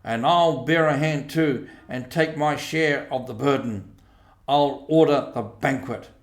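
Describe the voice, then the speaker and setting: A man's voice: medium pitch, measured pace, echoey room, lightly acted. A man voicing a stern, bossy badger in a storybook reading, speaking in a short, commanding manner. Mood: cross, bossy. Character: stern, brisk, bossy older male Badger.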